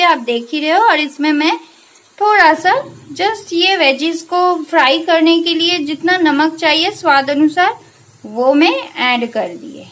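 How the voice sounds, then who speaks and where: Brief: woman, home cooking host, high voice, unhurried friendly explaining. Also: fairly bright tone, poor audio. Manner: chatty, addresses viewers as friends. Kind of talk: casual cooking tutorial. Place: home kitchen.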